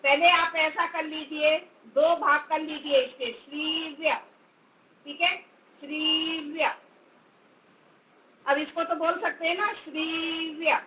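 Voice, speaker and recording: A woman's voice: high-pitched, fairly even intonation, normal speed, bright, forceful tone, rough recording. A woman teaching Sanskrit pronunciation, drawing out syllables and patiently correcting her student. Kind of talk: pronunciation lesson.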